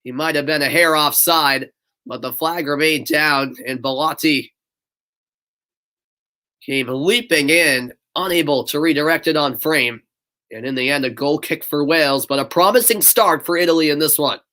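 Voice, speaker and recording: Calling live play-by-play for an amateur game, a young northeastern American with a blocked-up nose also chats loosely with his audience. He speaks at a moderate pace, pitched fairly high, with a sharp tone.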